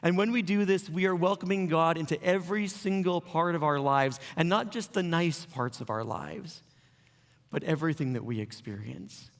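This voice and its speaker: A male pastor delivers an earnest, heartfelt sermon. His voice sits a little high, and he sometimes pauses as he chokes up. The sound carries a long reverb from the church sanctuary. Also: creaky. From Canada.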